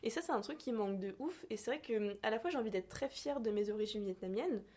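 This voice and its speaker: A woman's voice: fairly high pitch, lively intonation, fast talker, darkish tone. A young woman from France talking casually, hesitant and full of fillers as she searches for her words. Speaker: podcast guest. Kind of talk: casual conversation.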